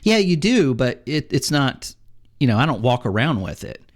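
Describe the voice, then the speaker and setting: A man's voice: medium pitch, moderate pace. Middle-aged man rambling about games. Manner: rambling, animated storytelling with acted-out quotes. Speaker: podcast co-host. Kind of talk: casual chat about video games.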